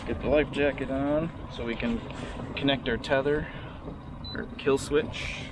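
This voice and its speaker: A man's voice: medium pitch, a little slow. A man in his thirties talking casually to himself while he boats and fishes, his voice caught by a camera mounted on a small boat on a lake. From Michigan, US. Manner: relaxed, talks to himself while boating and fishing. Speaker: fishing vlogger. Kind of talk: casual running commentary. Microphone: action camera on the boat. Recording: outdoor camera audio with boat and water noise.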